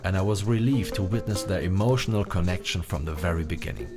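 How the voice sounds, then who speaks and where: A man narrating a documentary in a measured, reflective scripted voice-over. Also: low-pitched, over music.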